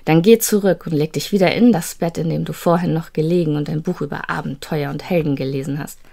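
A woman voicing a cheerful, wise male storyteller in an audio storybook, speaking in a gentle, measured way. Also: low-pitched, vocal fry. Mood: kindly.

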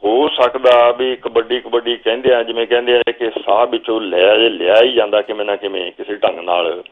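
An older Punjabi man, a guest telling a long story from memory at an unhurried pace, now and then quoting what he told the players. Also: on the low side, level tone. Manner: slow reminiscing storyteller, quotes himself calling instructions. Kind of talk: storytelling interview. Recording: phone-like narrow sound.

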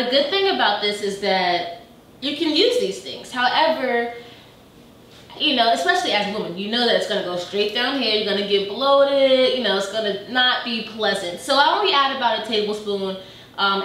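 A young woman talks casually through her kitchen items as a fitness vlogger, upbeat and peppered with "you know" and "like". Her voice sits a little high. It is caught from a few meters off by a camera mic, so it sounds distant and echoey, with faint room noise behind. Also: normal speed, fairly bright tone. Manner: chatty and upbeat, many fillers like "you know" and "like". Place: home kitchen, indoors. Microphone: camera mic from a few meters away.

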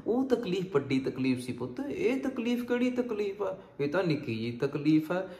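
A tender elderly mother, put on by a male storyteller, speaks in a soothing, coaxing way and sits a little high for a man's voice. The recording has a roomy echo around her. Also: very animated, normal speed. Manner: soothing, reassuring, gently coaxing.

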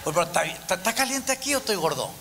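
Animated man telling stage jokes. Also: high-pitched, rapid-fire, a crowd in the background, noisy background. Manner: animated storytelling with stammering repeats. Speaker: comedian. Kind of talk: stand-up comedy.

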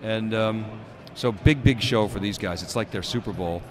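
Low-voiced man co-hosting amid a crowd. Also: normal speed. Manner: analytical, rambling with fillers. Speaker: tech show co-host. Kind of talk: live event commentary. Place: conference hall studio booth. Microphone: handheld stand mic. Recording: busy crowd noise behind.

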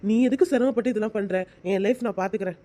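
A woman voicing a meek, grateful young man in a cartoon, soft-spoken and hurried. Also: medium pitch, lightly acted. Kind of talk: cartoon voice acting.

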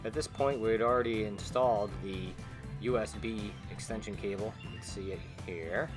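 A young man, co-host of a DIY video, explains a speaker build step by step in a home garage. He's plain and matter-of-fact, with some fillers, and his lowish voice moves at a moderate pace over music.

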